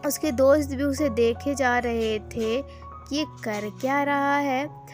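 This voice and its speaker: High-voiced woman recapping a drama. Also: steady tone, slow pace. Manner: chatty, loose storytelling with frequent fillers. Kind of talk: casual retelling of a drama plot. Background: background music.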